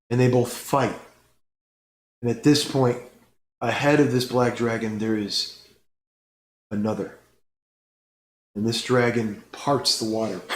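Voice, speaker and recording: Game master, male, slow measured narration in a roomy space with faint hiss. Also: medium pitch. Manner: slow, unhurried storytelling with fillers.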